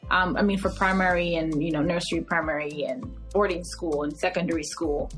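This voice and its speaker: A woman in her thirties with a Cameroonian English accent speaks as a guest in a casual podcast interview. Her voice is on the low side with fairly even intonation, and she tells stories expressively with small hesitations, over faint music on a rough recording.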